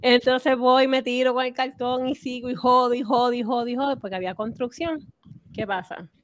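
A woman's voice: a little high, brisk, no room sound, clean studio sound. A woman telling a childhood story on a podcast, acting out the voices she quotes. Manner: lively, acts out quoted voices. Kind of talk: casual storytelling chat.

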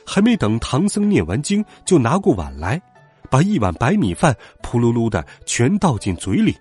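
A man narrating a children's picture-book story in a slow, lively storytelling voice. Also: medium pitch, husky, faint music behind.

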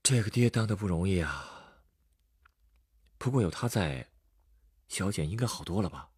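A man's voice: deep voice, animated, normal speed, a little mellow, slightly rough, dry recording, clean studio sound. A man co-hosting a chat, reacting to a story with short, curious questions. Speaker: co-host. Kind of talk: conversational prompting.

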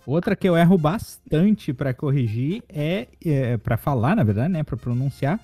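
Lively, playful Brazilian man. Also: on the high side, unhurried, slightly rough, no room sound, soft background music. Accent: Brazilian Portuguese. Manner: playful, teasing. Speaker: co-host. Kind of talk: casual comedic chat.

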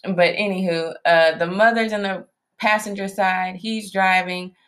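A woman's voice: medium pitch, steady tone, measured pace, fairly bright tone. A woman co-hosting a marriage podcast with her husband, telling stories in a chatty, easygoing way. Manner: chatty storyteller, laughs easily. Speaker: podcast co-host. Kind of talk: casual chat.

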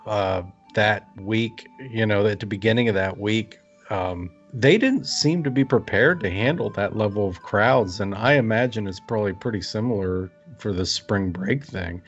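Lower-pitched male podcast co-host, measured and hedging, muffled audio. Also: breathy edge. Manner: thoughtful, hedging remarks with frequent laughs. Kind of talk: casual chat.

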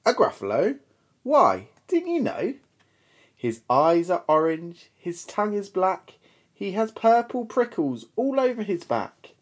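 A woman voicing a small, plucky, boastful mouse in a storybook, brisk and emphatic in a cheeky way. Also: medium pitch, sing-song, voice pushed up. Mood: polite, cheeky.

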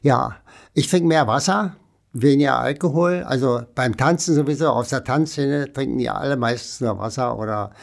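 A man's voice: medium pitch, normal speed, vocal fry. A man, chatting casually as an interview guest and rambling with many fillers. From Berlin, Germany. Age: 80s.

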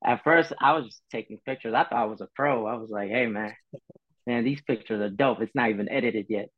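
Here a relaxed twenty-something man from the Philippines guests on a podcast, talking casually and brisky in a medium pitch while rambling and using many fillers. Faint music sits behind his voice in a dull, dry recording.

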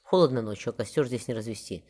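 A man reading the part of a grave, devoted middle-aged architect in an audiobook, earnest and low-key. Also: fast talker, a little mellow, lightly acted.

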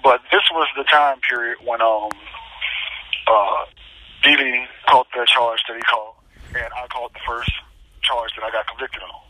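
A man's voice: mid-range voice, steady tone, measured pace, pushed and bright. A man telling his story over a phone call from prison, guarded and hesitant with many ums. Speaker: guest speaking by phone from prison. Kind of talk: casual storytelling.

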